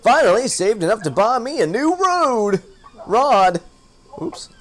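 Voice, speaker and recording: A man's voice: extremely high pitch, sing-song, a little slow, a bit bright, pitched above the performer's own voice, heavily acted. A man putting on the voice of a folksy old fisherman who runs a shop, with a hearty, rustic drawl.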